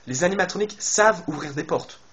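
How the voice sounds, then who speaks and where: A man talks through a game trailer in a loose, casual way, speaking straight to his viewers. He thinks out loud, filling gaps with hesitations and starting sentences over. His voice sits a little higher than most men's. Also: animated, fast. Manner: chatty, thinks aloud with many fillers and restarts; addresses viewers directly. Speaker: video game YouTuber. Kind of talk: casual trailer analysis commentary.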